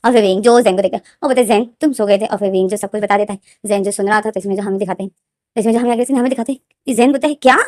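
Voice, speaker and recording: A woman's voice: rapid-fire, a little mellow, no room sound, studio quality. A woman casually retelling a fan fiction story, acting out the characters' dialogue with a raised voice. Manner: narrates and acts out dialogue lines with raised pitch.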